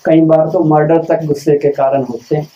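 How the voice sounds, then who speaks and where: A man delivers a spiritual lecture in a high but mellow voice, speaking slowly and deliberately. He puts rhetorical questions to the audience and repeats key lines for weight. The recording sounds dull and lo-fi. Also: flat delivery. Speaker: keynote speaker at a spiritual camp.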